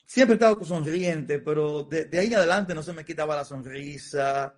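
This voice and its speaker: Man, Dominican accent, priest, middle-aged, emotional testimony, fairly high pitch. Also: moderate pace. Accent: Dominican Spanish. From Dominican Republic. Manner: earnest, emotional storytelling with repetitions. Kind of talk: interview testimony.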